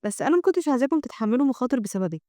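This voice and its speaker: A woman with an Egyptian Arabic accent voicing a gentle young half-dragon girl in a manhwa recap, reading her lines softly and politely. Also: high-pitched, very animated, rapid-fire, no echo, studio quality.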